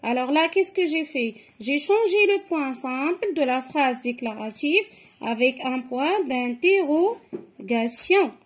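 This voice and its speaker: A woman's voice: high-pitched, expressive, slow pace. A woman teaching a grammar lesson to children, explaining patiently and step by step. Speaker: French teacher.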